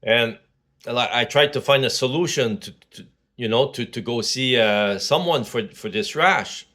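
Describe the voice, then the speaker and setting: A man's voice: medium pitch, a little slow, bright, forceful tone. Man, sixties, from Quebec, casual vlog monologue, rambling, full of fillers and restarts. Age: 60s. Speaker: vlogger.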